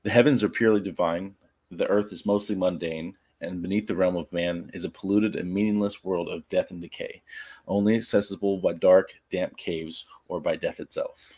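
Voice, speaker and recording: A man on a discussion panel, reading from slides in a measured way and hesitating when he speaks freely. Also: low voice, steady tone, a little mellow. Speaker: panel guest.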